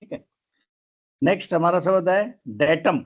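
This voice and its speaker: A man's voice: high voice, fairly even intonation, normal speed, muffled recording. A man teaching English grammar in a lesson, spelling words out letter by letter.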